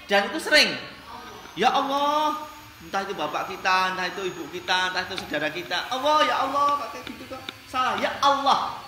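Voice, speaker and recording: A man teaching a classroom lesson on Quran recitation, drilling the class with quick questions. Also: high voice, lively intonation, bright, forceful tone, slight background noise. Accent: Indonesian. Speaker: religious studies teacher. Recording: echoey classroom.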